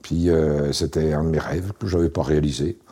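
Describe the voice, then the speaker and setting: Very deep-voiced man in his sixties. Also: a little fast, slightly rough. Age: 60s. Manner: relaxed, wry, anecdotal with frequent fillers. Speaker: interview guest, founder. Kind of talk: casual storytelling interview.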